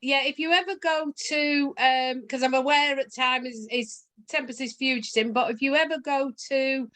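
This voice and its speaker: A woman's voice: sits high, steady tone, moderate pace, fairly bright tone. A woman hosting a casual interview, chatty and rambling as she signs off. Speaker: host.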